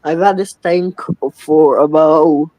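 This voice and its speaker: A man's voice: on the high side, steady tone, takes it slowly, mellow, no room sound, low-quality recording. A young man from the calls in to a live stream and hesitantly asks questions about his aquarium. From Czech Republic. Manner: hesitant, many fillers and restarts, asks questions. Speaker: caller. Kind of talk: live-stream casual chat.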